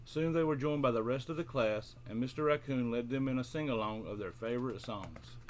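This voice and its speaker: This medium-pitched, brisk male storyteller hosts a bedtime show for kids. After greeting his young audience warmly and directly, he moves into reading a children's story aloud.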